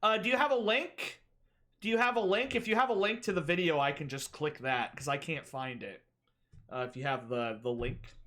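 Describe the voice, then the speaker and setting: A man's voice: a little high, pushed and bright. A man streaming a reaction to a video, chatting casually with viewers and cracking jokes. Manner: joking, quick asides, frequent laughs.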